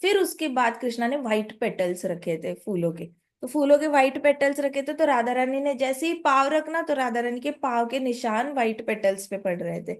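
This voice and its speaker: A woman narrating a devotional story with a high-pitched voice. She speaks expressively and drops in English phrases. Now and then she steps aside to explain details to her listeners. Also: normal speed.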